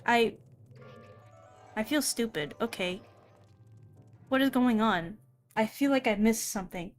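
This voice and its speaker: A woman's voice: on the high side, lively intonation, unhurried. A woman streaming a video game, chatting casually and playfully, laughing at herself as she plays. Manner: giggly, playful, self-mocking. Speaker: VTuber streamer. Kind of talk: casual gameplay commentary. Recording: faint game music behind. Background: faint game music.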